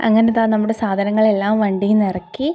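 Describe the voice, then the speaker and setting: A woman's voice: mid-range voice, flat delivery, fast talker, mellow. A woman with a Kerala accent narrating a travel vlog in a casual voice-over, mixing English words into Malayalam. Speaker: travel vlogger. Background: music.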